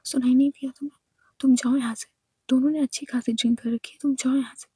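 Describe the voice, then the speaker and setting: Stern scolding woman doctor in a whispered role-play, voiced by a woman, high, mellow tone. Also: fairly even intonation, fast, husky, no room sound, clean studio sound. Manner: scolding, commanding.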